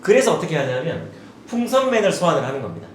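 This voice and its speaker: An education director in his forties gives a demonstrative seminar presentation to parents in a seminar hall, occasionally shifting into a brighter voice as though coaching children. His voice is a little high, very animated and fast, and the echoey hall carries faint room noise.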